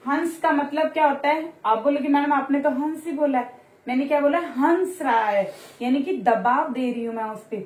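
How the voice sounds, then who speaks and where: A woman teaching a Hindi grammar lesson to children online, friendly, stretching out example words slowly. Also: high voice, steady tone, darkish tone. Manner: friendly, addresses children as dear kids. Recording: roomy echo.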